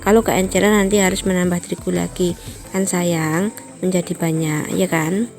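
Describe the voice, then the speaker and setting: A woman hosting a home cooking channel walks viewers through each step in her kitchen, chatting to them like friends and adding apologetic, explanatory asides. Her low voice is steady and moderately paced, with loud music from a rehearsal audible in the distance.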